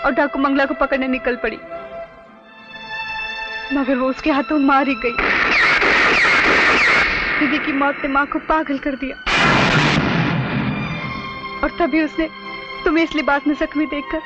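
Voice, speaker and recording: A woman's voice: sits high, fairly even intonation, a little slow, long pauses, muffled recording. An actress playing an earnest young woman who pleads on behalf of her mother, in an old Hindi film with music underneath. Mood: pleading.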